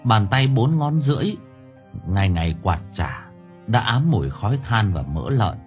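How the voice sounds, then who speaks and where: A man narrating a story in the first person, lively and expressive. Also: lowish voice, normal speed, soft background music.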